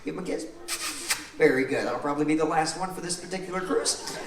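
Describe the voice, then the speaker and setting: A man hosting a game show in lively banter with a live audience, jokey and teasing. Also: a little high, quick pace. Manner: jokey, teasing, playing to the crowd. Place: large echoing venue with live audience. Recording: roomy, distant mic, noisy audience. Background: crowd noise and laughter.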